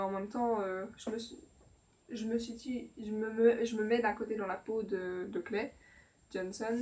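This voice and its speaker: A woman's voice: medium pitch, darkish tone. A woman vlogger chatting casually about her favorite series, hesitant, with many fillers and restarts. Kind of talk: casual chat. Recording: distant mic with faint noise.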